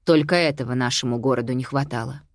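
A woman's voice: very deep voice, quick pace, no echo, studio quality, pitched below the performer's own voice. Woman doing a grave, doubtful father. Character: wary, serious father.

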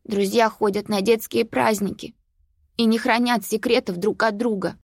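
A woman reading an audiobook, voicing a young girl who begs and pleads in a high, insistent voice. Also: steady tone, normal speed, husky, no room sound, studio quality. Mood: pleading.

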